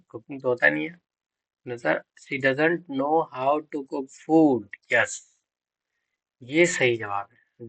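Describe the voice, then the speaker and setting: A man's voice: medium pitch, pushed and bright, no room sound, poor audio. A man teaching English grammar for exam prep. He quizzes students, answers his own questions and spells out words letter by letter.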